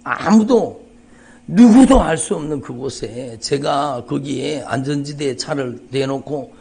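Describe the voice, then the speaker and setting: Gravelly-voiced Korean pastor preaching testimony. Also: male voice, mid-range voice, animated, a little slow, warm tone, slight background noise. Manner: emotional, repetitive, rising and falling intensity. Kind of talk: dawn service sermon, personal testimony. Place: church sanctuary.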